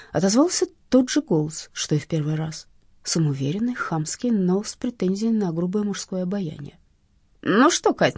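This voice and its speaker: A woman reading a first-person audiobook in a lively, expressive way. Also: mid-range voice, breathy edge, no echo, studio quality. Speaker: audiobook reader.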